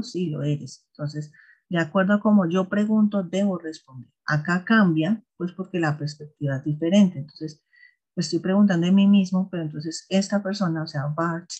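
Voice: mid-range voice, a little mellow. An English teacher giving a recorded class explanation, patient and often stopping to check that students follow along. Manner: patient, checks understanding with repeated "¿listo?". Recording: dull lo-fi recording.

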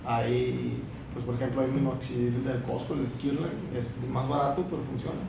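This barber guest is a young man with a Sinaloa Mexican accent, talking casually on a podcast and going on at length with lots of fillers. His voice is medium-pitched and creaky, fairly even, at a moderate pace. He's recorded indoors in a small room with a mirror by a distant camera, leaving echo and hiss.

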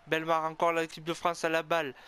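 Excitable man doing game commentary. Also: a little high, brisk, clean tone. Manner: animated, cheering and groaning, frequent "oh là là" exclamations; self-corrects and admits being an amateur. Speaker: gamer commentating his own hockey video game match.

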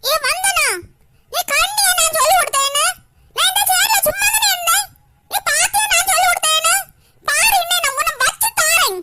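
A woman voicing squabbling little kids in a cartoon, bossy and shrill as they shout out the count. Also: measured pace, full character voice. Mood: accusing. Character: squabbling little village kids playing hide-and-seek. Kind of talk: cartoon voice acting.

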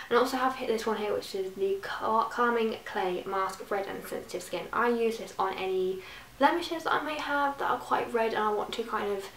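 A young British woman with a slightly croaky voice from a cold, giving a casual product review to camera as a beauty vlogger. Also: mid-range voice, fairly bright tone. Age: young adult. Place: small furnished bedroom, indoors. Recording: roomy echo, distant mic, faint hiss.

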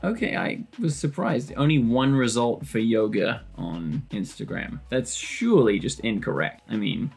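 A man's voice: mid-range voice, lively intonation, moderate pace, vocal fry, hardly any pauses, darkish tone, husky, soft background music. A man presenting a casual screen-share tutorial, chatty, joking and self-deprecating as he clicks through.

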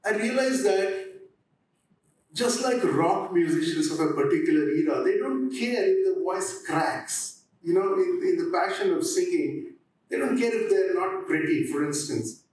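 An older man, a theatre practitioner on a discussion panel, speaks haltingly into a handheld microphone on stage in an auditorium, pausing and restarting often. His voice is high-pitched and darkish, with lively intonation, as he gives reflective panel talk. The recording is distant and slightly noisy, captured in a very echoey hall.

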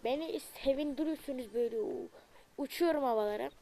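A young woman commentating her own gameplay, alternating muttered remarks with loud frustrated outbursts and asides to viewers. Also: high voice, a little fast. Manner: excitable, frustrated outbursts at the game; talks to viewers, asks them to subscribe. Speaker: gaming video creator; student.

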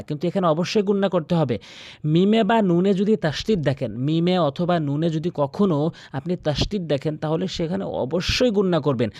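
A man with a Bangladeshi Bengali accent teaching Quran recitation rules. He explains slowly, repeats each rule and chants verses long and high. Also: a little mellow, no echo. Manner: repeats instructions and appeals for likes. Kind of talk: tajweed lesson with chanted recitation.

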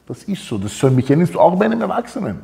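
Lively, gravelly-voiced male Torah teacher. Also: on the high side, rapid-fire. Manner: animated, acts out quoted dialogue. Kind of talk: informal sermon with personal stories.

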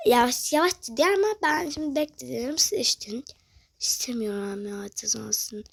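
Young woman, high voice, dry close sound, game role-play narration, whispers and shouts by turns. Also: moderate pace, creaky, husky, no room sound. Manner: switches between whispered and loud excited lines. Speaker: toca life roleplay creator.

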